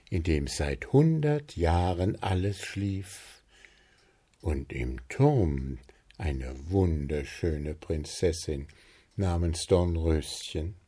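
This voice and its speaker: Man, storybook narrator, low voice, very slow, calm and gently playful. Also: slightly rough.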